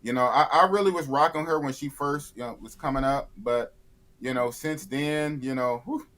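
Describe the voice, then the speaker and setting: A man's voice: mid-range voice, normal speed, a bit bright. A man of fifty, a YouTuber guest in a casual live interview, blunt and opinionated, often repeating himself. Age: 50s.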